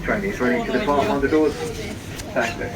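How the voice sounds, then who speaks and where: Male driver, live train announcement, brisk, faraway loudspeaker, heavy train rumble. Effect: live train announcement over loudspeaker. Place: inside an underground train carriage. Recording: distant loudspeaker, loud train noise.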